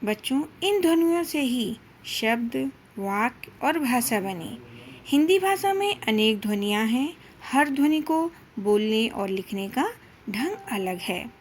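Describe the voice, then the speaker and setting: A woman teacher giving a children's lesson in a very slow, deliberate delivery, drawing out each syllable. Her voice sits fairly high. A faint room hum stays in the background. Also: expressive. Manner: slow, deliberate, drawn-out syllables with frequent pauses.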